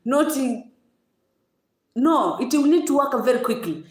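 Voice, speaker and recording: A woman telling her own story on a casual livestream, halting and repeating words as she goes, with frequent laughs. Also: sits high, expressive. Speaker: vlogger. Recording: echoey room.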